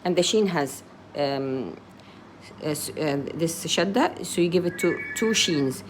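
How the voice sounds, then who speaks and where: Speaking slowly in a low but animated voice, a woman teaches Quran recitation letter by letter. She voices every Arabic letter and vowel mark before explaining it in plain English, with slight background noise present.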